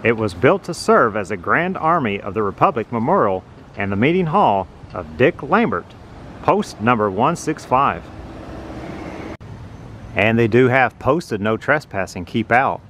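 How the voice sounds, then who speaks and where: A man narrating a walking tour outdoors on a city sidewalk, explaining things slowly and plainly as he films with a handheld phone. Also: medium pitch, sing-song, a bit bright, a little hiss or hum. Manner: slow, plain, informative. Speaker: vlogger touring a building. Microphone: handheld phone camera.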